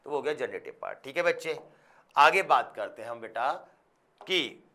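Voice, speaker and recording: Hindi biology teacher checking understanding. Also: male voice, mid-range voice, expressive, normal speed, sharp tone. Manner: calls students "beta", keeps checking they understand; mixes in English scientific terms. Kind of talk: classroom lecture.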